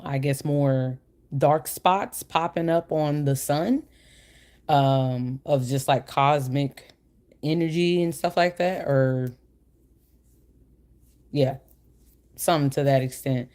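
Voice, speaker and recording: A woman's voice: low-pitched, warm tone. A woman hosting a casual livestream chat, talking in an informal, slangy, meandering way, her speech slightly slurred by the retainer she is wearing. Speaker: livestream host.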